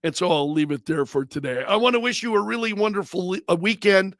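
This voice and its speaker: A man's voice: sits high, fast, fairly bright tone, no room sound, clean studio sound. A man hosting a casual livestream chat, talking loosely to his viewers with frequent restarts and asides. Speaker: radio host and brand manager.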